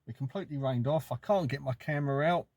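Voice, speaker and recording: A man's voice: mid-range voice, fast talker, a little mellow, dry recording, clean studio sound. A man giving casual, matter-of-fact, off-the-cuff sightseeing narration, recorded on a phone out on location. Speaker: holiday vlogger. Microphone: handheld phone. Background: clear ambient noise, sometimes rain.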